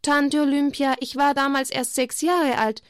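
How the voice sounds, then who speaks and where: A gentle, shy girl from a storybook, read aloud by a woman. She speaks softly and kindly in a slightly raised voice. The sound is dry and close. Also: high voice, level tone, moderate pace, no room sound, pitched above the performer's own voice, lightly acted. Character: older shepherd girl Lucia, gentle and shy.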